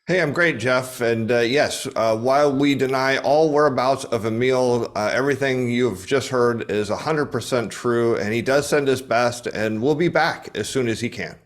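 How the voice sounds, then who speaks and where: A man's voice: medium pitch, moderate pace, hardly any pauses. A man speaking as a guest on a casual financial podcast, easygoing and rambling, with frequent restarts.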